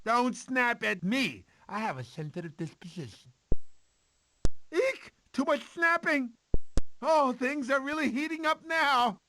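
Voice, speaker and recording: An actor playing a cowardly, talkative male sloth in an animated video game, with an excitable, theatrical, whiny delivery. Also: very high voice, unhurried, noisy background, heavily acted. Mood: panicked, whiny.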